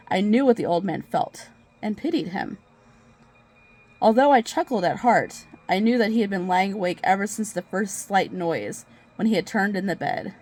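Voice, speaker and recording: A nervous, obsessive murderer tells a gothic horror tale, acted out by a woman in a medium-pitched voice. The delivery is hammy and theatrical, as on a stage, with words drawn out and repeated for gleeful, crazed emphasis. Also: darkish tone. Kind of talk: dramatic reading of a gothic horror story.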